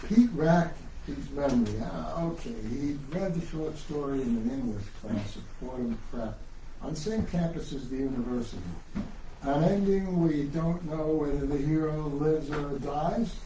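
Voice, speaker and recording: An author gives a live dramatic reading of his own novel in a bookshop, shifting between narration and dialogue. His voice sits on the high side with a dark tone at normal speed, and the recording is echoey, distant and noisy.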